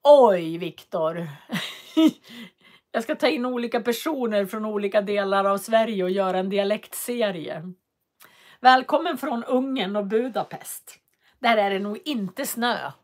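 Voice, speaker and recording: A woman's voice: medium pitch, darkish tone. Chatty woman on a livestream. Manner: chatty, reads out viewer comments, frequent hesitations. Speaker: livestream host. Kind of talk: casual livestream chat. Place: cold home office.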